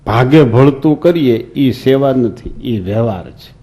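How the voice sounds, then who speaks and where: Man, sermon, folksy storytelling, warm mellow tone. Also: medium pitch, lively intonation, measured pace. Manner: folksy storytelling, asks the hall questions. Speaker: swami giving a scripture discourse.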